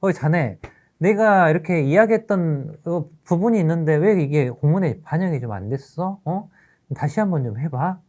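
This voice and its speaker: A man voicing a pushy, condescending middle-aged male school principal, pitched above his own voice. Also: lively intonation, normal speed, darkish tone, close to an everyday voice. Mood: bossy. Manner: bossy, condescending.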